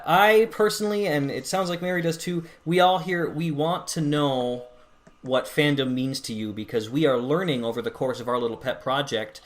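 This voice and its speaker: A man co-hosting a podcast in casual chat, rambling and hesitant with many restarts. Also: mid-range voice. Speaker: podcast co-host.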